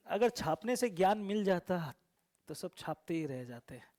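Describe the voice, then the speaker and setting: A man's voice: sits high, big pitch swings, normal speed, dark tone. A man teaching a math lesson to a classroom. He keeps quizzing and teasing the students with repeated questions. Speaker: coaching teacher.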